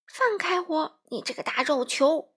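A woman's voice: high voice, expressive, unhurried, fairly bright tone, voice pushed up. A woman voicing a cheeky, hot-tempered little male crow who squawks indignantly. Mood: angry squawking.

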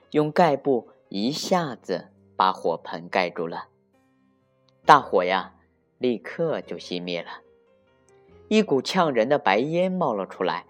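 A storyteller reading a children's picture book aloud in a slow, expressive way. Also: medium pitch.

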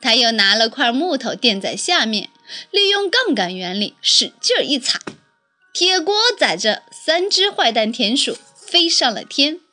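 A woman reads a children's storybook aloud in a lively, expressive manner. Her voice is high, bright and very animated, with faint music playing behind the reading. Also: a little slow.

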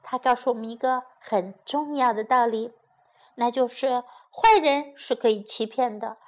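A woman teacher narrating a children's story and English lesson in a gentle, coaxing tone. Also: a little high, moderate pace.

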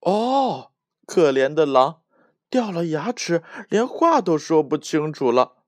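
Animated male storyteller, slow and lively. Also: a little high, no room sound, clean studio sound. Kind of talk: expressive storybook reading.

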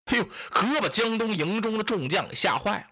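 Lively, animated male storyteller. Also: high voice, brisk, breathy edge. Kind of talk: traditional Chinese storytelling narration.

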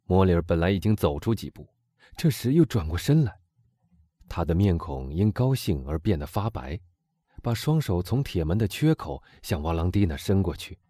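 Husky low-voiced male audiobook narrator. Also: sing-song, normal speed, dark tone, no echo, clean studio sound.

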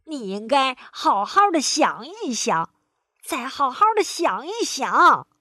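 A small, fussy gecko with a lively, sing-song voice who nags again and again, as a woman reads him aloud. It is delivered slowly and close up, in a dry recording. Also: high-pitched, dry recording, full character voice. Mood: nagging. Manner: fussy and nagging. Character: fussy, nagging little gecko.

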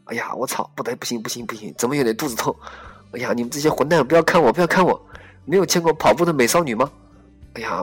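A man's voice: mid-range voice, husky, voice pushed up. A man putting on a frantic cursing young woman runner. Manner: frantic exclamations and curses. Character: excitable young woman runner, cursing, breathless inner monologue.

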